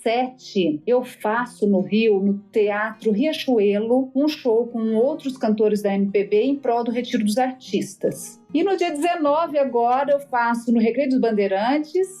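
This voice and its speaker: A woman singer and voice teacher talking about her travels in a relaxed interview, telling stories with frequent restarts. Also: a little high, unhurried, few pauses, soft background music. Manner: warm storytelling, frequent restarts. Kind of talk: conversational interview.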